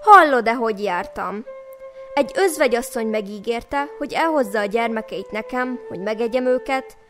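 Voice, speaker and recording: A hungry, boastful wolf from an old folk tale bellows in a high, loud voice, easily scared and easily fooled. A woman storyteller acts him out, with faint music playing behind. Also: animated. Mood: frightened.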